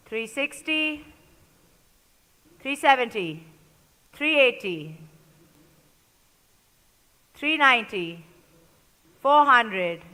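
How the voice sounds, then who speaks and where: Female auctioneer, forceful and fairly high-pitched, calling bids in repeated short phrases, big reverberant hall. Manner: repeats bids and prompts in short, clipped calls. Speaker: auctioneer at a sports player auction. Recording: echoey large hall with long reverb.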